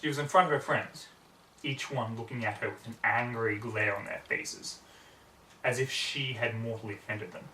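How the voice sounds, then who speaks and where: With a steady, sharp tone at normal speed, a young man narrates fan fiction aloud in an earnest, dramatic way using his mid-range voice. It's recorded on a far-off camera mic in a small home room, giving roomy acoustics with background noise.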